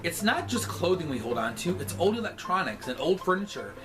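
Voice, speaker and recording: A man with a sassy drag queen delivery reads a scripted comic story aloud, with deliberate, emphatic timing. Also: a little high, very animated, music in the background.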